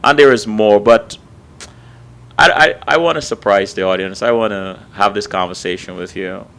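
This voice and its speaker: A lowish-voiced man hosts a talk show in a studio. His voice is slightly hoarse, and he stumbles into restarts and ums as he reads and chats. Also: normal speed, a bit bright. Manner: hesitant, many ums and restarts. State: losing his voice. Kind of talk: studio interview.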